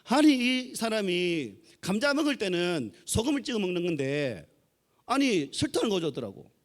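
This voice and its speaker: Pastor putting on a scolding Gyeongsang husband, slightly raised voice, sermon joke. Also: male voice, high voice, very animated, moderate pace. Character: bickering middle-aged husband over potatoes.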